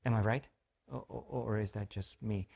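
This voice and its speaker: A man's voice: lowish voice, fairly even intonation, moderate pace, creaky, darkish tone, slightly rough. A man presenting a product launch in a scripted, joking way, full of playful self-mocking asides.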